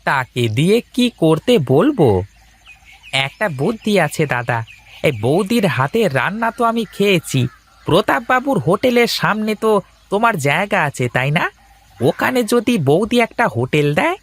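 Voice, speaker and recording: A man's voice: sits high, very animated, moderate pace, heavily acted. A man playing a helpful, take-charge neighbor. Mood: reassuring. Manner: urgent, reassuring. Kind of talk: animated cartoon voice acting.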